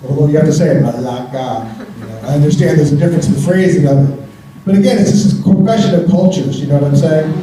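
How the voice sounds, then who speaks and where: A fast-talking American man with a voice on the high side performs comedy on stage for a live crowd, wryly conversational and chuckling at himself. Background noise is present, and the distant mic picks up a spacious theater sound.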